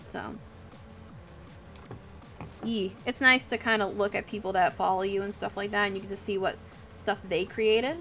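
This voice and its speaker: A livestream host and digital artist chats casually while she draws, her tone informal and encouraging. Her voice is medium-pitched, steady and fairly bright, at normal speed with frequent pauses, and music plays behind her.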